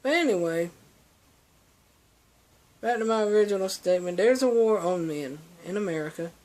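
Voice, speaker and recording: A young man with a high voice rants at length in a preachy monologue. He stumbles through restarts and fillers as he lectures his listeners. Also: animated, normal speed, darkish tone. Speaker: vlogger. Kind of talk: opinion monologue to camera.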